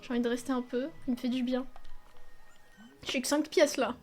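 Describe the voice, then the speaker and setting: A woman's voice: high-pitched, steady tone, normal speed, a little mellow. A young woman giving casual, chatty commentary while playing a video game, exclaiming often and swearing freely. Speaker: video game let's player. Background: faint game music.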